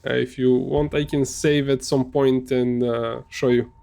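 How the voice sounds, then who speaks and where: A gamer streamer whose first language is Serbian gives casual let's-play commentary on the game he's playing, hesitant and full of fillers and restarts. His voice is mid-range, gravelly, and mellow, delivered flat at a measured pace.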